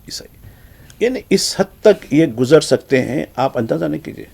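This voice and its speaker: A man with a Hyderabadi Urdu accent giving conversational news commentary on the papers, animated, acting out the exchanges he quotes. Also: creaky, breathy edge. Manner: animated, acts out quoted exchanges with shifts in pitch. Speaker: news commentator reviewing newspapers.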